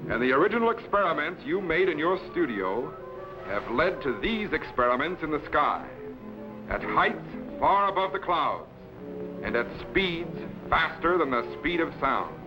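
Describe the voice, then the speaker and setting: An actor playing an authoritative, courteous time-traveling captain who lectures formally in the declamatory style of a 1950s TV sci-fi serial. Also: male voice, fairly high pitch, big pitch swings, moderate pace, music in the background. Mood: proud, instructive. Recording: dull, lo-fi vintage broadcast recording.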